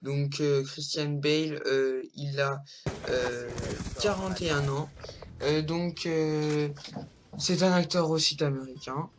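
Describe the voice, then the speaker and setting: A man's voice: fairly high pitch, takes it slowly, background noise. A young man hosting a casual countdown vlog, hesitant, with lots of fillers and rambling asides. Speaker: vlogger. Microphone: low-quality home recording.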